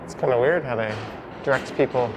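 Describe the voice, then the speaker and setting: A man's voice: medium pitch, fairly quick. A man casually narrating as he walks around, like a vlogger on location. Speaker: walking tour vlogger. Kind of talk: casual narration while walking. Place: city street and subway station. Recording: clear city background noise.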